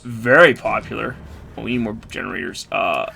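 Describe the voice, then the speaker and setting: A man's voice: fairly low pitch, moderate pace, creaky, bright, forceful tone. A man giving casual, rambling, self-deprecating commentary as he plays a video game. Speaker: gamer, video host. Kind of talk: casual let's-play commentary.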